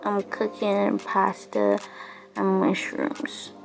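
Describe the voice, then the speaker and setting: Slow, weary Barbadian woman vlogging. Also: mid-range voice, completely flat delivery, vocal fry, soft background music. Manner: weary, downcast and frustrated, with sighs. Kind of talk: personal video diary. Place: quarantine room, indoors. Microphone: self-filmed camera up close.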